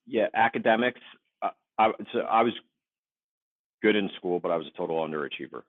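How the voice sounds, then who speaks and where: A man in his forties from the Philadelphia suburbs, chatting casually as an interview guest in a relaxed, rambling, self-deprecating way over a remote call. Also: on the low side, a little fast, dry recording. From Philadelphia suburbs, USA. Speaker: guest, Navy veteran. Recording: tinny phone-like dry line.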